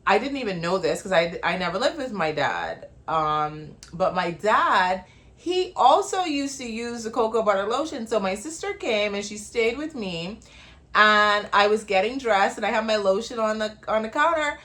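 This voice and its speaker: A woman from the Bahamas, hosting her own show and talking casually, chatty and laughing, with quick asides. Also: mid-range voice, bright, forceful tone. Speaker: host. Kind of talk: casual talk-show monologue.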